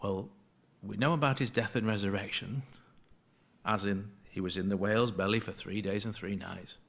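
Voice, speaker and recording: A man's voice: fairly low pitch, steady tone, moderate pace, fairly bright tone. Chatty man giving a Bible talk. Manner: conversational, digressive, reads scripture aloud. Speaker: Bible study speaker.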